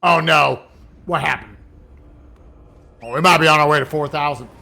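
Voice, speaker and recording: A man hosting a charity livestream, excitable, reading donations aloud and reacting loudly. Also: a little high, normal speed, gravelly. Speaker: charity stream host. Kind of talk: casual livestream chat.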